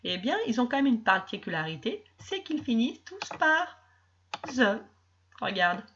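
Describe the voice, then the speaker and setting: A woman teacher giving a reading lesson to young children, reading syllables and words slowly and clearly and explaining patiently. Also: a little high, very animated, fairly bright tone, highs cut off, slight background noise. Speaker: first-grade teacher.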